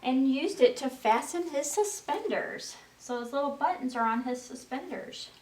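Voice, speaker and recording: Reading to young children, this storyteller uses a sing-song style and asks her listeners questions along the way. Her voice sits high and is a little mellow, with lively intonation at normal speed, captured on a roomy, distant mic with faint noise.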